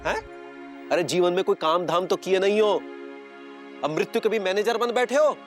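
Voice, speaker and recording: An actor playing a righteous villager who scolds and explains. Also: male voice, high voice, normal speed, faint music behind, natural voice. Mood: stern. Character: righteous, lecturing male village man.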